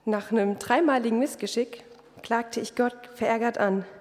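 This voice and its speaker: A woman's voice: a little high, normal speed. A young woman, a trainee housekeeper, giving a candid, colloquial personal testimony to a congregation. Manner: candid, lively storytelling with colloquial words. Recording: long reverb of a hall.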